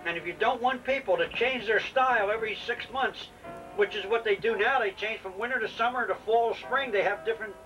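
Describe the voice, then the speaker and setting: A man's voice: high voice, brisk, fairly bright tone, highs cut off, faint music behind. A middle-aged father arguing insistently at a family dinner, repeating his points, heard on an old VHS home video. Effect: old VHS home video recording. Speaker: father in a mock family debate. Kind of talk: casual argument at a family dinner. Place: home dining room. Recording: hissy camcorder tape, distant mic.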